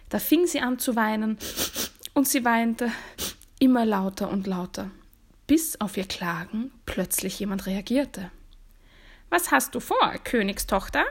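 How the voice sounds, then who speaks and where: A woman reading a fairy tale aloud as a storyteller, in a soft, hushed voice that sometimes drops to a whisper. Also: mid-range voice.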